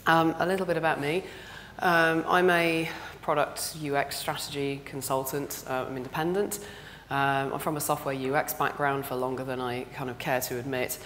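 A British woman with a very deep, hoarse, honking voice, as if losing it to a cold, gives a conference talk. She speaks conversationally and haltingly. The sound is echoey, from a big hall with some background noise. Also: fairly even intonation, a bit bright. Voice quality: hoarse, honking half-lost voice. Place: large indoor conference hall stage.

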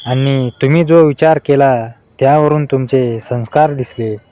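A man reading out a string of short adult jokes in a flat delivery. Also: medium pitch, normal speed, heavy background noise. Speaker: joke narrator.

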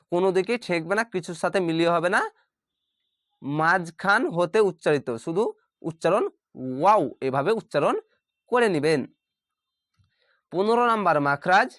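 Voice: mid-range voice, no room sound. Pronunciation tutor facing the camera, mid-range voice, patient and repetitive, dry room. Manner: patient, explains slowly and repeats each sound aloud. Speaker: Quran pronunciation teacher. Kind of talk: step-by-step pronunciation lesson.

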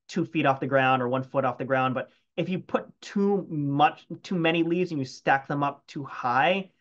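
Hesitant man on a lo-fi call. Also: fairly high pitch. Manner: hesitant, many restarts and fillers. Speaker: entomologist answering questions. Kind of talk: casual Q&A after a talk. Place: home room, video call.

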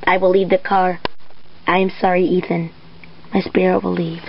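A woman voicing a jealous female ghost trapped in a car, speaking in a flat robotic voice. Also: on the low side, moderate pace, gravelly, far from the mic, slight background noise, pitched below the performer's own voice. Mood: sorrowful. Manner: flat, menacing threats. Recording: dull lo-fi recording.

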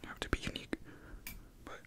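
A young man doing a whispered role-play as a barber, chatting casually with slang to the listener in a small room at home. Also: fast talker. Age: young adult. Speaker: ASMR creator playing a barber.

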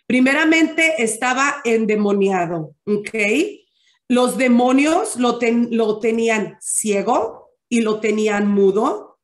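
A woman teaching a Bible study, deliberate and often checking in with her listeners. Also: fairly high pitch. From Mexico. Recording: echoey room.

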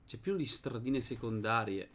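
A young man giving casual let's-play commentary as host of a gaming channel, chatting to his viewers and to the game's characters, and breaking into high shouts in fights. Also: normal speed. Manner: excitable, bursts into high shouts during fights.

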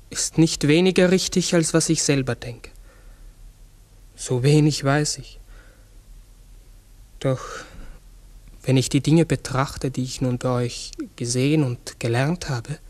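In a 1960s German radio play, an actor voices a pensive, courteous talking raven the size of a human, speaking hesitantly and formally. His male voice is on the high side with a darkish tone, and the acting is light.

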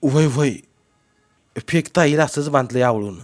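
An eager, helpful young village girl, put on by a male narrator in a storybook, her voice lifted higher and brighter than his own. She chatters along in rustic speech. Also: measured pace, soft background music, lightly acted.

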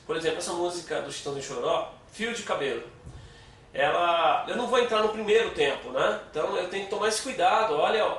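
A man's voice: fairly high pitch, fairly bright tone, slight background noise. A Brazilian man giving a casual guitar lesson, patiently explaining and counting beats aloud. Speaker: guitar teacher. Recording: echoey room, mic at a distance, guitar playing.

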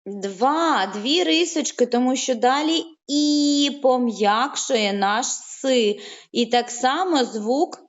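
A woman teaching young children in an online lesson, patient and encouraging, stretching words out slowly, heard through a video call. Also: sits high. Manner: slow, drawn-out syllables when saying words aloud. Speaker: primary school teacher. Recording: muffled online call audio.

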